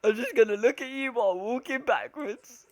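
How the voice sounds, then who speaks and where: A gamer playing an online horror game streams while scared, chatting casually and cursing with a co-player. Jumpy and panicky, they swing from nervous muttering to shrieks. The voice is mid-range at a normal speed, recorded dry.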